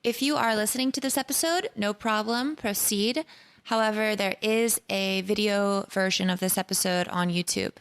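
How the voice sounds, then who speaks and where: Host: earnest, enthusiastic woman, average pitch. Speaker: podcast host. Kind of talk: podcast intro and interview.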